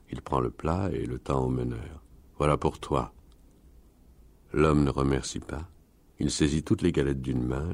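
Man reading a story, super deep voice, dry close sound. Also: creaky, darkish tone, no room sound. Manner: slow, measured reading. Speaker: narrator.

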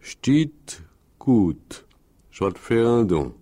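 A man voicing a gruff old peasant who leads wolves, speaking in curt rustic commands with dialect words. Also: medium pitch, very animated, extremely slow, mellow, full character voice. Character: gruff old male wolf-leader, rough rustic peasant.

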